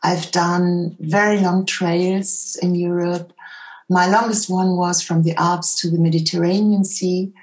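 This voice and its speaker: A woman with a slightly low voice recounts her own experiences in a reflective, conversational way. She is a non-native English speaker and takes her time, pausing often between short phrases at a very slow pace. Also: level tone, poor audio. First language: not English. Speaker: interview guest. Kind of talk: reflective personal storytelling in conversation.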